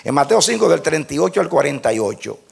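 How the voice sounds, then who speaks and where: A male preacher delivers an animated sermon, swinging between loud exclamations and hushed asides and acting out his talks with God. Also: on the high side, fast talker, vocal fry, husky. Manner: acts out conversations with God.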